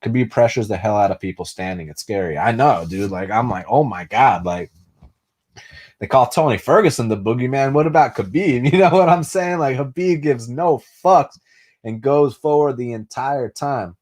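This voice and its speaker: A young male host runs a casual live stream, replying to viewer comments in a loose, profane style packed with fillers and restarts. His voice sits at medium pitch with a darkish tone, and he talks at a normal speed. Spanish was his first language, though he was raised in the United States.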